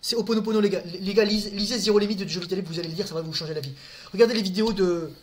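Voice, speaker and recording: A man with a noticeably high voice, chatting casually with his audience. He answers viewers' questions directly, full of crude slang and stumbling restarts. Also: steady tone, very fast. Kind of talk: casual live chat.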